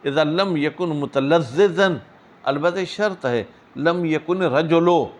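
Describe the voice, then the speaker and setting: A man teaching a seminary class, reading Arabic phrases slowly, then explaining them in quick, questioning asides to his students. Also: a little high, slight background noise. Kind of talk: classroom lecture on a legal text.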